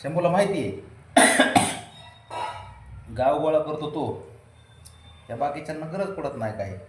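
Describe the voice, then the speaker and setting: A man's voice: a little high, lively intonation, measured pace, a little mellow. A man talking casually to his pets, firm and coaxing, lecturing them about discipline while feeding them. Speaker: cat owner feeding his cats. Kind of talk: casual talk to pets and camera. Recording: echoey room, faint ambient noise.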